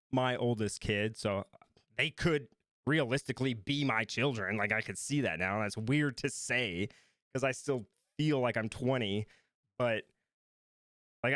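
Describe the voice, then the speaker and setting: A man in his thirties co-hosting a podcast in casual chat, animated and quick to laugh. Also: mid-range voice, dry recording, studio quality. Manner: animated, laughs easily, chatty. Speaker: podcast co-host.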